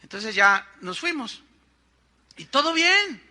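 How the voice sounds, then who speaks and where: Brief: older Mexican man, pastor, high and sharply bright, storytelling sermon. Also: slow pace. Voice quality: conversational storytelling, lively asides to the congregation.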